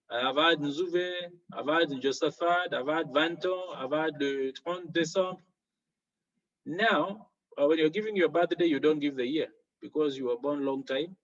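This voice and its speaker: A man's voice: on the high side, a bit bright, muffled recording. A man teaching a French exam lesson, explaining each step with worked examples.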